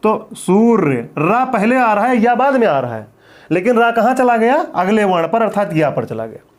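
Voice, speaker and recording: A man's voice: high voice, big pitch swings, moderate pace. A man teaching a grammar lesson in a classroom lecture style, who asks questions and answers them himself and repeats the key points.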